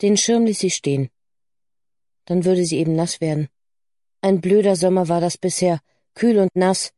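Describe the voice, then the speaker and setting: A woman narrating a children's book in a calm, even way. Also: on the low side, moderate pace, no room sound, studio quality. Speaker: audiobook narrator. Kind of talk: scripted narration.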